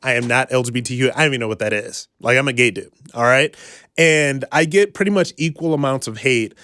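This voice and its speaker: A man's voice: medium pitch, a little fast, pushed and bright, smooth. A man speaks straight to camera in an emphatic political monologue, hammering his points through repeated phrases. His voice sits in a middle register. The sound is dry and close, with no room echo. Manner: emphatic, repetitive rhetorical delivery. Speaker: political commentator.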